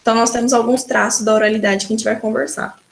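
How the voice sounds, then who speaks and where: Gravelly-voiced Brazilian woman teaching. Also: a little high, steady tone, quick pace. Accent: Brazilian Portuguese. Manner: patient explaining, often starts with "então". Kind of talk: recorded school lesson.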